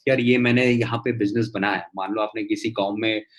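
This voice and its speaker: A man's voice: fairly low pitch, fairly even intonation, a little fast. A man talking casually as a guest entrepreneur on a video call, with many fillers and restarts.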